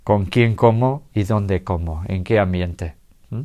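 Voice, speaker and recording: Guy with a lowish voice giving a health talk to a room, easygoing, keeps tossing in questions to the crowd. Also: takes it slowly, muffled recording. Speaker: doctor giving a public lecture. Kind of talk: health lecture to a live audience. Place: health centre lecture room.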